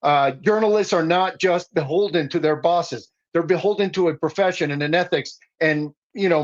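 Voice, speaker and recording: Raised in the Dominican Republic, a guest activist speaks in a political talk with passion and insistence, his emphasis steadily building. His voice is fairly high, and the recording sounds muffled.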